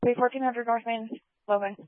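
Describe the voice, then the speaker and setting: A woman's voice: on the high side, fairly even intonation, brisk, dry recording. A woman dispatcher talking on an emergency two-way radio, with clipped, procedural call-and-response and radio codes. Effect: tinny two-way radio transmission. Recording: tinny dry radio channel.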